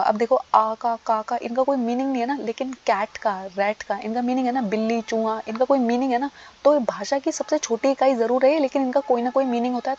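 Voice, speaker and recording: A woman teacher rattles through an exam-prep lecture at high speed. Her voice sits a little high yet sounds mellow, and she keeps asking questions and answering them herself. The audio is dull and lo-fi.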